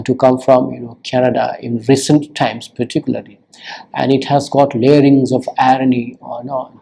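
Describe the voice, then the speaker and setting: A man delivers a recorded literature lecture, explaining slowly, repeating words for emphasis, and filling gaps with "you know" and "uh." His medium-pitched voice is creaky, mellow, and slightly rough, and the audio quality is poor.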